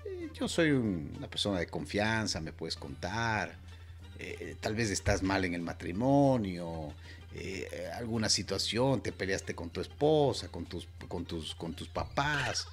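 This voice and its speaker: A man's voice: sits low, sing-song, unhurried, soft background music, pitched below the performer's own voice, heavily acted. An Ecuadorian man quoting a friendly, persuasive male taxi driver in a coaxing, reassuring way.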